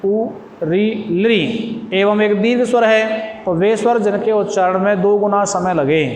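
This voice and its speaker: A man teaching a school lesson, speaking slowly and repeating phrases as if dictating notes. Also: high-pitched. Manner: slow, repetitive dictation pace. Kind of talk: classroom lesson. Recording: echoey classroom with long reverb, faint noise.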